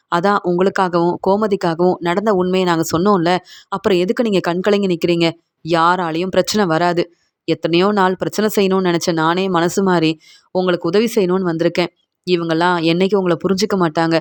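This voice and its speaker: A woman's voice: lowish voice, no echo, studio quality, natural voice. A woman reading the lines of a middle-aged man reassuring his brother-in-law, in a retelling of a TV serial scene. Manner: soothing, reassuring.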